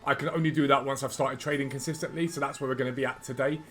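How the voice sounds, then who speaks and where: A man's voice: medium pitch, steady tone, very fast, fairly bright tone. A man who cannot pronounce his R's properly, saying them like w, hosting a casual, chatty gaming video and talking straight to viewers. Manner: chatty, informal, addresses viewers directly. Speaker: gaming YouTuber and host.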